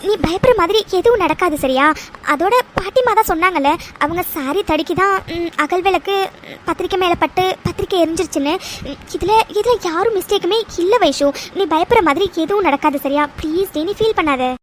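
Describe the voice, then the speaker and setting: A woman voicing a caring young woman in a cartoon who gently reassures her frightened friend. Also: very high-pitched, a little fast. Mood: reassuring. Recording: steady background hiss.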